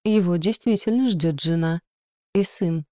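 A woman voicing an obsessed male stalker with a muffled, hoarse voice, in a storybook reading. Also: fairly low pitch, measured pace, darkish tone, no room sound, studio quality, natural voice. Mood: menacing.

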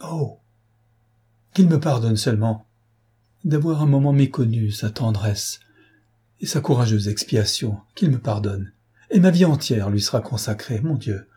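A desperate young woman cries out for her father in a raised, emotional voice, as a male audiobook reader puts her on. The tone stays dark and very husky under the strain. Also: medium pitch, expressive, measured pace, pauses often. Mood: pleading, tearful. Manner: pleading, emotional. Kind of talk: audiobook character reading.

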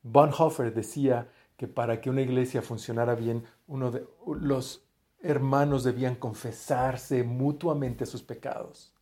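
Male pastor, mellow tone, talky sermon delivery that trails off softly at phrase ends. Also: mid-range voice, steady tone, unhurried. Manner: conversational, restarts phrases, voice often drops to a quiet close.

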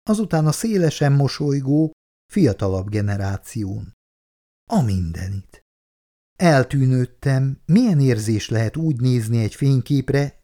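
Male narrator, audiobook, mellow dark tone, lively pitch, expressive. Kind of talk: scripted narration.

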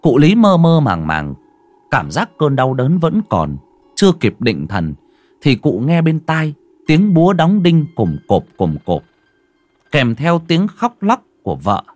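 A man narrating a ghost story theatrically, dropping to a hush and rising sharply. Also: a little high, wildly swooping pitch, measured pace, dry recording. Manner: theatrical, swings from hushed to loud.

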